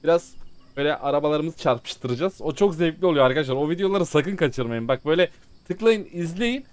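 A male gaming YouTuber with an expressive, brisk voice on the high side talks to his viewers in casual let's-play commentary. Chatty at first, he becomes exasperated with the game.

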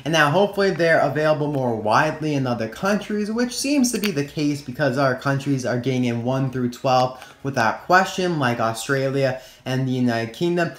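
A man's voice: mid-range voice, expressive, moderate pace, few pauses. A young American man chatting to viewers in a casual toy review, his speech slightly distorted after having his wisdom teeth out. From United States. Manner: chatty, addresses viewers as guys. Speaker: toy collector and review host. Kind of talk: casual scripted-free product review to camera. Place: indoor room at a tabletop. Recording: roomy echo, faint hiss and crinkling. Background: crinkling plastic packaging, clicks.

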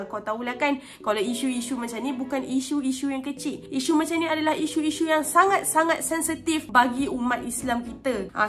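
A young woman with a Malaysian Malay accent reacts to viral clips in a high, bright-pitched voice. Her talk is animated and indignant, swinging between loud outbursts and muttered asides. She records on a phone, with faint music behind her. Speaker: YouTuber reacting to viral videos. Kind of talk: reaction commentary.

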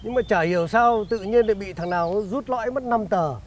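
A man's voice: high voice, brisk, a little hiss or hum, natural voice. An actor playing a crafty, bossy male schemer in a comedy sketch, talking down to others. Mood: smug. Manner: bossy, ends phrases with a teasing "nhá". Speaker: comic actor.

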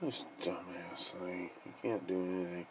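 A man's voice: low voice, fairly even intonation, unhurried. A man casually showing off the gear in his welding trailer, rambling and plain-spoken, cursing now and then. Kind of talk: casual walkthrough vlog. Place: outdoors in a cold enclosed work trailer. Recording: noisy handheld camera audio.

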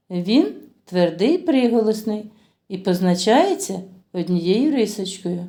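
Slow, sing-song woman teaching children. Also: mid-range voice, mellow. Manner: slow, drawn-out sounding of words for children; asks questions and praises the children. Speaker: kindergarten teacher. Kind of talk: phonics lesson for young children.

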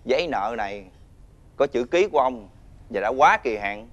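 An actor playing a menacing male debt-collecting thug, talking loudly and scornfully. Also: mid-range voice, animated, normal speed, lo-fi sound, close to an everyday voice. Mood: threatening. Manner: loud, scornful, ordering others around. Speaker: debt collector's henchman leader. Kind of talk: TV fairy-tale drama acting.

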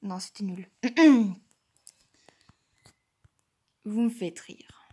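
Woman, husky, fairly high voice, slow talker, casual game chat, teasing players, quiet asides. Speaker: player talking during an online animal role-play game. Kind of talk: casual gameplay commentary.

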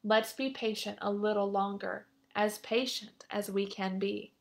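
A steadfast male pilgrim speaks in an earnest, pleading voice, urging a friend to be patient, as a woman reads him from a storybook. The pitch stays at a middle level. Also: steady tone, measured pace, creaky.

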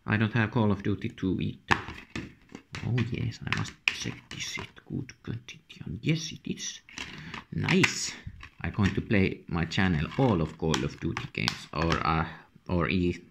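A man with a Finnish accent speaks halting, non-native English in short, muttered remarks, as casual unscripted commentary on an unboxing. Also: low-pitched, creaky. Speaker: video game collector presenting an unboxing. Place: indoors at a wooden table. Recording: noisy room with handling clicks.

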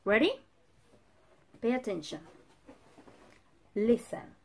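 A young woman, a native Spanish speaker, teaching English to young children in simple, emphatic phrases as if to a toddler, pausing for answers. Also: a little high, vocal fry, dark tone, a little hiss or hum. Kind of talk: children's vocabulary lesson with repeat-after-me drills. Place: indoor room in front of a whiteboard.

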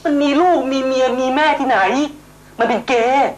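A woman's voice: high voice, normal speed, natural voice. A woman voicing a blunt, exasperated male creditor who mocks and scolds. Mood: scornful. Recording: loud music behind.

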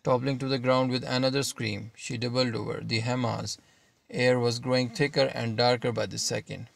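A man narrating an audiobook in a steady, measured reading. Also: mid-range voice, gravelly.

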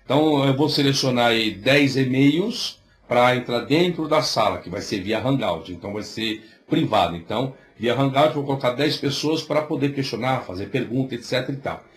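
A man's voice: medium pitch, moderate pace, faint music behind. Middle-aged brazilian guy, brazilian portuguese accent, theology teacher hyping his next lecture, tons of rhetorical questions, webcam at his desk. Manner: fires off rhetorical questions, gestures a lot with his hands. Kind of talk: announcing an upcoming online lecture. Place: small indoor room in front of a green screen, seated in an office chair.

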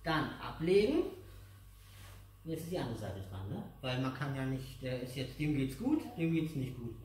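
In a mid-range, slightly mellow, animated voice at normal speed, a middle-aged aikido instructor patiently coaches a child and viewers through hands-on exercises, repeating simple steps. A faint hiss or hum is present, and the distant camera mic in the large matted dojo makes the hall sound echoey.

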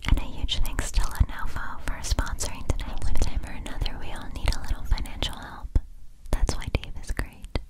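A young woman softly whispering a scripted ASMR sponsor read in a breathy, unvoiced voice, enunciating carefully. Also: moderate pace, poor audio. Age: young adult. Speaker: ASMR creator.

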